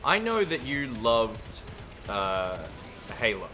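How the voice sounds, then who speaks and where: A man's voice: mid-range voice, big pitch swings, takes it slowly. A young man co-hosting a gaming show, teasing his friend and telling stories as they play. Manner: chatty, teasing, tells stories. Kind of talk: casual let's-play banter. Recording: game music behind.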